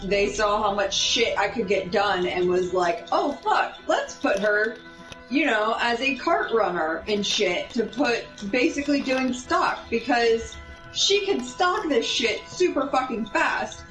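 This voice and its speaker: Gaming as she talks, a young adult woman tells a casual, rambling tale full of swearing and tangents. She sounds high-pitched and animated but unhurried, recorded from a distance with room echo and background music.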